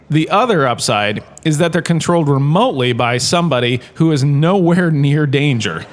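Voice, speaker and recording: Chatty and digressive, the character is a complacent has-been performer who now lectures at a university, voiced by a male actor for a comedic sci-fi audio drama. His voice sits in the middle range and sounds much like everyday speech.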